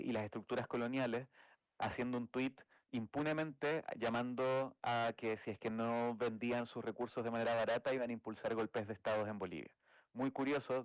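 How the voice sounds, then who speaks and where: A man's voice: fairly low pitch, dry recording, low-quality recording. A man from Chile, speaking, giving a thoughtful academic talk as a game designer, with frequent restarts and "eh" fillers. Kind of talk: academic lecture.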